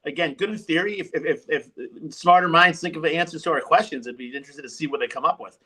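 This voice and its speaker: A man co-hosting a local podcast, talking in an animated way and tossing out rhetorical questions. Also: fairly high pitch, fast talker, husky, low-quality recording. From United States. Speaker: podcast co-host. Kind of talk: casual panel discussion.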